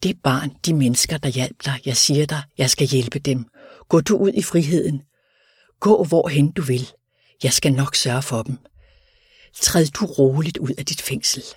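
A man's voice: medium pitch, darkish tone, breathy edge, dry recording. A man voicing a remorseful grown brother who speaks in a trembling voice. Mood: shaken.

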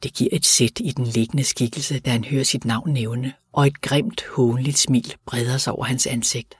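A man narrating an audiobook in an even, measured reading. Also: medium pitch, breathy edge, dry recording. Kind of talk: scripted narration.

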